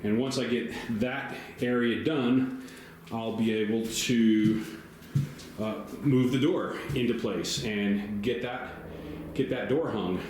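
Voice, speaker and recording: A man's voice: mid-range voice, slow pace, a little mellow. Casual man vlogging over background noise. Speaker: DIY vlogger. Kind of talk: casual build vlog talk.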